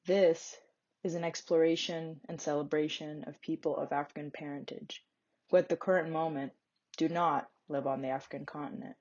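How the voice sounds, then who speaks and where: A woman narrates in a measured, poetic spoken-word style. Her voice sits low and stays even, with little rise and fall. The recording sounds slightly muffled.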